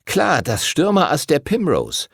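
A nerdy know-it-all schoolboy rattles off facts in a high, clipped voice, as a man puts him on. His tone stays matter-of-fact. The pitch jumps about with a gravelly rasp. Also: huge pitch swings, a little slow, a bit bright, dry recording, clean studio sound, exaggerated voice. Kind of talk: audiobook character voice.

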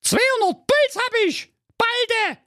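A man voicing a crude young princess who screeches in a very high voice. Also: lively intonation, moderate pace, dry recording, studio quality. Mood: furious. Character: shrill furious young princess.

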